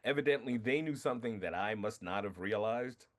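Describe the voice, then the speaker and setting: A man being interviewed about his film, telling animated stories, acting out quotes and laughing often. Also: on the low side, a little fast. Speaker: filmmaker guest. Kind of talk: casual interview storytelling.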